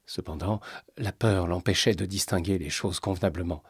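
A man narrating a storybook in a measured, steady reading voice. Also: deep voice, slightly rough, no echo, studio quality.

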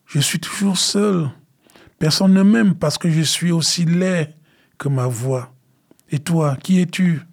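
A man's voice: takes it slowly, vocal fry, darkish tone, exaggerated voice. A man voicing a sad, lonely storybook owl, mournful and compassionate. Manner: mournful, pitched far above his own voice.

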